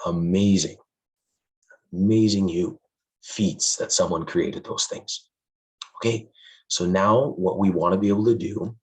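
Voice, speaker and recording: A man's voice: sits low, poor audio. A male math teacher, losing his voice, explains a lesson in a friendly way and stresses the key points to his students.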